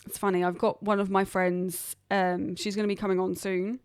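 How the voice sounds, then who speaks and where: A woman's voice: mid-range voice, flat delivery, normal speed, clear, resonant tone, no echo, studio quality. A young Englishwoman hosting her own podcast, chatting and rambling casually on her own. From England. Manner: rambling, chatty, self-deprecating. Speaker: podcast host. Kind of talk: casual solo chat. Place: hot humid region, indoors.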